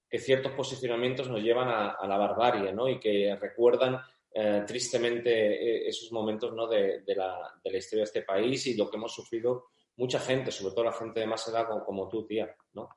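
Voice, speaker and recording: A man's voice: fairly low pitch, a little mellow. A man interviewing a guest on a live stream, in a casual manner full of tag questions. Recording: roomy echo.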